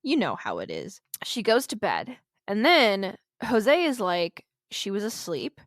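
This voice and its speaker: A woman hosting a podcast tells a true-crime story in a loose, chatty way. She swears freely and breaks off for jokes and asides. Her voice sits at an ordinary middle pitch and sounds close and dry, with no room echo. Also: huge pitch swings, a little slow. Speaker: podcast host.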